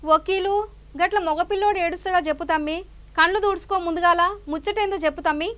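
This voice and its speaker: A woman's voice: extremely high pitch, steady tone, fast talker. A woman with a Telangana accent anchoring a comic news sketch, coaxing and consoling in a fussing way. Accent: Telangana Telugu. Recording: loud music playing behind.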